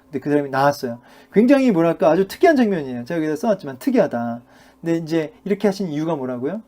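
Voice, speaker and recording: Rapid-fire and sing-song, a middle-aged male pastor with a highish, dark-toned voice lectures his Bible class like a sermon. His manner is chatty, loaded with fillers and rhetorical questions for the listeners.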